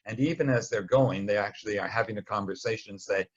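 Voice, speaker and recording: Here a Bible study teacher talks fast in a lowish, slightly rough voice over lo-fi audio. His lesson is conversational and explanatory, unfolding like a story with dry asides and brief acted-out quotes.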